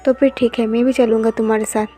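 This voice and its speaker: A jealous, curt young man from a romance story, as a woman reading aloud puts him on. The lines come flat and level, in a rather high, soft-toned voice, with faint music behind. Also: fast, natural voice. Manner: plain even reading of dialogue.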